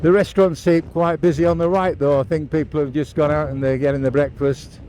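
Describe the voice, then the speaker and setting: A man's voice: on the high side, fairly even intonation, fairly quick, dark tone, slight background noise. A man with an English accent giving chatty, matter-of-fact tour-guide commentary for a casual vlog, recorded outdoors while riding a scooter. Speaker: motovlogger. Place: outdoors, riding a scooter along a beach road.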